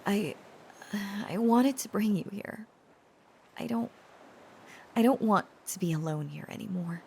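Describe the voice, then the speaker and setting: In an intimate romantic audio drama, a woman plays a young girlfriend descended from dragons, tender and protective, speaking in a breathy, often whispered, gentle way. Nervous and hesitant, she uses a mid-range voice, a little slow, with slight background noise, softly acted.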